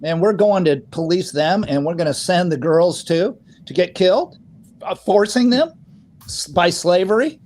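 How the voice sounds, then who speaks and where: A man's voice: high-pitched, animated, moderate pace, a little mellow. Opinionated rambling man on a podcast. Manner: opinionated, rambling with many fillers and restarts. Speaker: podcast co-host. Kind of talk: casual political discussion.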